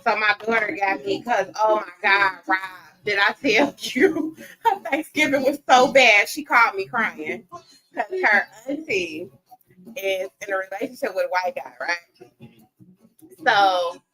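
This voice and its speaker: A middle-aged woman, telling stories in animated, slangy casual chat with plenty of laughs. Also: medium pitch, measured pace, low-quality recording. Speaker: interviewee.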